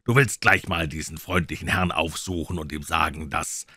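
A man reading an audiobook and voicing a fawning old male bookseller with a croaking voice. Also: extremely low pitch, moderate pace, bright, forceful tone, no echo, exaggerated voice. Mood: ingratiating.

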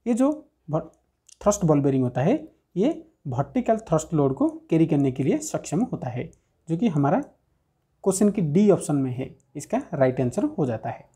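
A man working through technical exam questions in a screen-recorded lesson, reading each question slowly and then explaining the answer step by step. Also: a little high, big pitch swings, warm tone, slightly rough. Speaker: technical teacher. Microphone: screen recording voice-over.

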